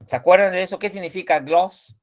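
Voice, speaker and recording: A man teaching a language class, slowly explaining pronunciation, repeating words and correcting his students. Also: high voice, dull audio. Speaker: Swedish teacher.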